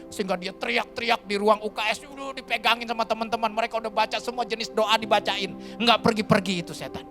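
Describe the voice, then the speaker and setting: A high-pitched man from Kalimantan preaching in church, telling his story in a loose, chatty way. He keeps calling out to the congregation as he goes, and clear music plays behind his voice. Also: fast talker. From Kalimantan, Indonesia. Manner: lively, colloquial, keeps addressing the congregation. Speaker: pastor. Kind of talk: storytelling sermon.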